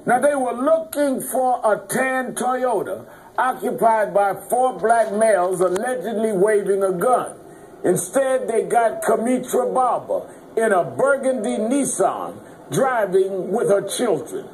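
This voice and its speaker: A man anchoring a news program, introducing a story and interviewing guests in a measured, earnest way. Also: sits high, lively intonation, darkish tone, a little hiss or hum, low-quality recording. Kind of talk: broadcast news presenting.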